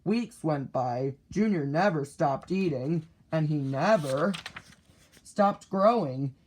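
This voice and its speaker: A man reading a children's picture book aloud, deliberate and expressive. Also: on the high side, slight background noise. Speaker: storybook reader.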